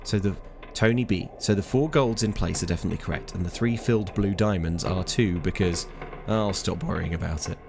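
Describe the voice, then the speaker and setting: A man with a low, gravelly, slightly mellow voice streams a mystery game as a let's play streamer, speaking fairly quickly with few pauses. He's chatty, talking casually to his chat and joking at his own expense in relaxed gameplay commentary. There's slight background noise.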